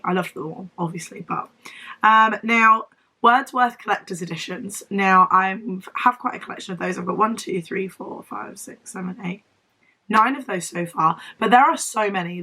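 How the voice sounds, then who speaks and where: A woman's voice: mid-range voice, pushed and bright, breathy edge, poor audio. Wheezy, unwell young English woman vlogging. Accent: southern English. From Devon, England. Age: young adult. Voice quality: wheezy, strained voice from illness. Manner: rambling, self-deprecating, apologetic. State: unwell, losing voice. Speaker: book vlogger. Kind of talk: casual chatty vlog to camera.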